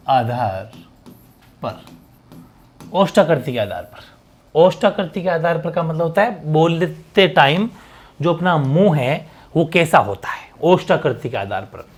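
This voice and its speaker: A man teaching an exam-prep lesson, drawing out sounds slowly to show them and repeating each term several times. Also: a little high. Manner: stretches sounds slowly to demonstrate, repeats terms.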